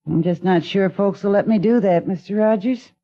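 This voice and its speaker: This actress, voicing an anxious older widow who is bringing up her grandson, begs earnestly for help in vintage 1950s radio acting. Her mid-range voice runs at a normal speed and sits close to how she'd ordinarily speak. The audio has the dull, lo-fi quality of an old radio broadcast.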